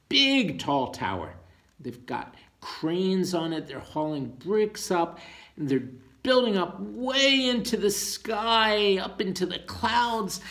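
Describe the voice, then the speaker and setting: In a voice that sits high, a man reads a bedtime story to children with lots of expression. He keeps pausing for teacherly chat and questions aimed at his young audience.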